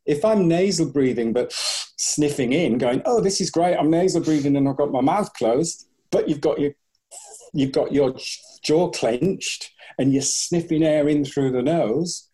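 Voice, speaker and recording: This man's voice is fairly high and mellow, a little slow, and captured on a low-quality recording. He's a breathing coach being interviewed for a podcast, musing thoughtfully, starting his sentences over, and mimicking what clients tell him.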